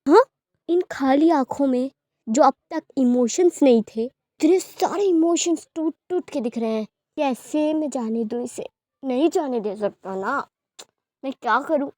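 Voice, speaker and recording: A woman's voice: high-pitched, normal speed, dry recording, clean studio sound. Woman voicing a gloating young male villain. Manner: taunting, gloating, sing-song.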